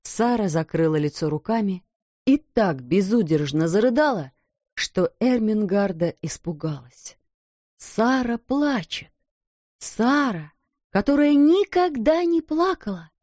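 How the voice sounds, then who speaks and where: A woman narrating a storybook in a calm, measured way, in a muffled, dull recording. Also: mid-range voice, dry recording. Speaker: audiobook reader.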